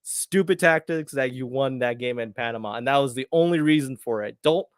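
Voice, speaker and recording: A man hosting a live soccer watchalong for his viewers, talking excitedly and slipping into when emotional. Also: medium pitch, brisk, dry recording, studio quality. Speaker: watchalong host. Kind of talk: live match commentary to viewers.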